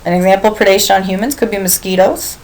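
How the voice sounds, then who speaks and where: A woman's voice: mid-range voice, fairly even intonation, fast, a little mellow, low-quality recording. A woman lecturing a biology class, explaining step by step, asking the students questions and reminding them of earlier material.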